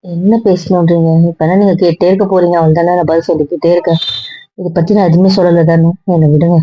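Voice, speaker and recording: A woman's voice: lowish voice, level tone, fast talker, no echo, lo-fi sound, close to an everyday voice. A woman playing a hurt, reproachful young woman. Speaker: young wife or girlfriend. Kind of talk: Tamil audio drama acting.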